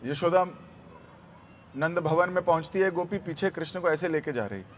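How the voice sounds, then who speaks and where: A man preaching a sermon, telling a devotional story in an animated, dramatic way. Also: on the high side, normal speed, slight background noise.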